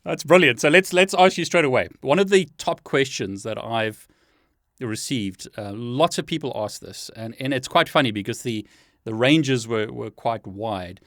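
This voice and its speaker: Male interview host, middle pitch, dry close recording, friendly question style. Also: animated, normal speed, a bit bright, no echo. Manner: friendly, asks questions with light laughter. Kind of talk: casual interview.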